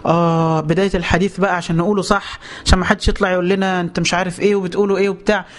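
A man's voice: sits high, little pitch movement, very fast. A man with an Egyptian Arabic accent giving a colloquial religious lesson, pleading and urgent, speaking straight to his listeners. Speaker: preacher.

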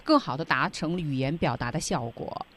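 Radio host, mid-pitched voice, recapping the lesson for listeners, keeps the show moving. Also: animated, normal speed, fairly bright tone. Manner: sums up the teacher's points for listeners.

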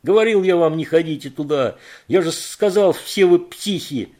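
Man doing a shrill, hoarse, panicked junkyard owner. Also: lively intonation, unhurried, warm tone. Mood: frantic shouting.

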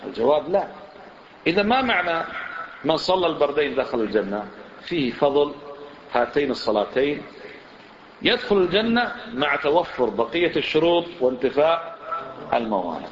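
A man teaching a religious lesson, quizzing his listeners with lively rhetorical questions. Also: on the high side, moderate pace, long pauses, a little hiss or hum. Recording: echoey room, dull lo-fi sound.

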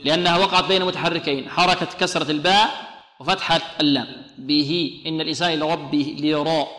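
A man teaching Quran recitation to a class. He poses questions to students, answers them himself, and slows down to demonstrate each word carefully. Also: a little high, fairly even intonation, bright, forceful tone. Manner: often repeats a short blessing to students. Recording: echoey room.

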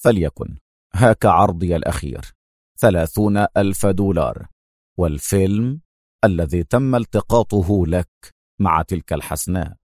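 Man doing a cold crime boss: low, quiet, coolly menacing, dry close sound. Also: normal speed, long pauses, no echo. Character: cold scheming male crime boss, calm and mocking.

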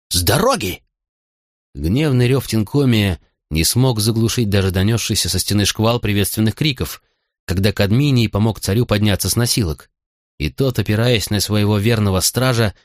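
A man reading an audiobook aloud in steady, measured narration. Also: lowish voice, no echo, clean studio sound. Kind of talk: scripted narration.

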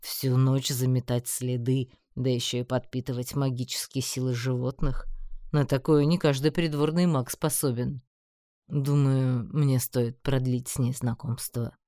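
An actor playing a scheming emperor who speaks slowly, mocking and menacing. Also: male voice, mid-range voice, flat delivery, dark tone, no room sound, clean studio sound, natural voice. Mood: cold mocking. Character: cold, scheming male emperor, middle-aged. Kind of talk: audiobook character voice.

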